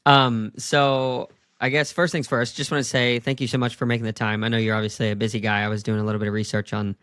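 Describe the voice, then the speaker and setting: A man's voice: medium pitch, flat delivery, fast, fairly bright tone, clear, resonant tone, no echo, clean studio sound. A man hosting a podcast interview, chatting in a friendly, casual way with lots of fillers. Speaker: podcast host.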